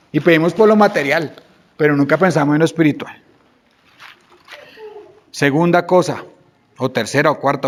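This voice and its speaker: Colombian male preacher, earnest, exhorting tone, rhetorical questions, slightly high voice. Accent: Colombian Spanish. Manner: acts out prayers in quoted voices. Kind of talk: sermon.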